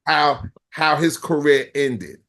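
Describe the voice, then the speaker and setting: Animated man riffing on sports. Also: a little high, slow pace. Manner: animated, cursing, laughs a lot, thinks aloud. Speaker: podcast co-host. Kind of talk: casual sports banter.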